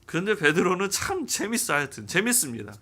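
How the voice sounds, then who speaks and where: Male pastor, high bright voice, lively sermon delivery with acted-out quotes. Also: brisk. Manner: animated, acting out dialogue in quotes.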